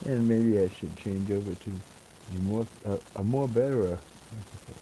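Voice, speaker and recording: A man in his seventies muses slowly and calmly, musing aloud as he chats on a live stream. His low voice has a dark, mellow tone. It comes through a cheap headset mic with fuzzy distortion and a faint hiss behind it. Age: 70s. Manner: calm, musing. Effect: fuzzy audio distortion from a cheap headset mic. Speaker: livestreamer. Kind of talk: rambling live-stream chat.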